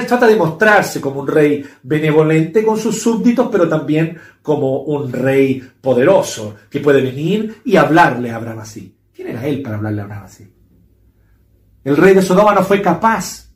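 A man preaching a sermon as pastor, emphatic and fond of repeating his phrases. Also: fairly high pitch. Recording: echoey room.

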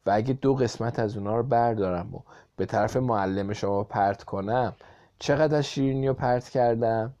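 A man's voice: mid-range voice, warm tone, lo-fi sound, natural voice. A man voicing a silly, playful male clown with a funny nasal voice. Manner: slow, goofy, comic.

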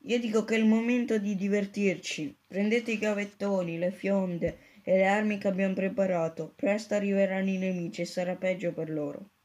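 A reader voicing a boastful boy who proclaims himself king, rallying the crowd loudly. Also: mid-range voice, fairly even intonation, fairly quick, hardly any pauses, close to an everyday voice. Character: boastful boy crowned self-made king.

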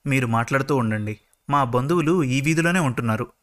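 A man's voice: medium pitch, a little fast, fairly bright tone, natural voice. Man doing a worried mom telling what happened, earnest, plain mid voice. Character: worried middle-aged mother.

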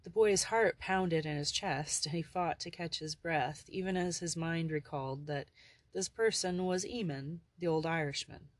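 An audiobook narrator reading a novel in a measured, descriptive way on a close mic. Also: mid-range voice, no echo.

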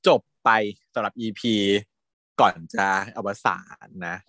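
A man casually recapping a TV drama as a podcast host, animated, laughing often and acting out lines. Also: takes it slowly, no echo, clean studio sound.

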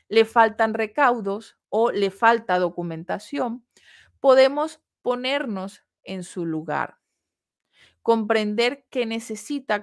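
A woman giving a recorded course lecture, explaining steps in a measured way with pauses and rhetorical questions. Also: fairly high pitch. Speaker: course instructor. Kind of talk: recorded lecture on customer service.

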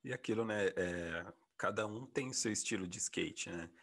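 A man's voice: on the low side, measured pace, a bit bright. A man interviewing a skater in an easygoing, slangy way. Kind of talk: casual interview chat.

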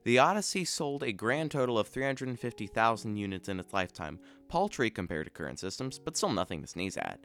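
A man's voice: mid-range voice, very animated, fairly quick, few pauses, fairly bright tone. A man hosting a podcast, reading scripted explainer narration about video game trivia in a dry, matter-of-fact way. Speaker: podcast host.

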